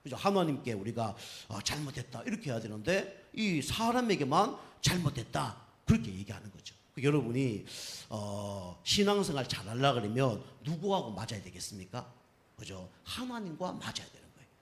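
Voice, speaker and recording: A man's voice: mid-range voice, very animated, normal speed. A middle-aged man, a pastor, preaching a Sunday sermon with emphatic rises on key phrases and frequent tag questions to the congregation.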